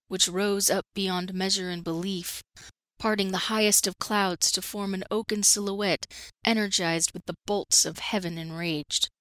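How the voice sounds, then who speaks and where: A woman narrating a first-person fantasy story at a steady, measured pace. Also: lowish voice, no room sound.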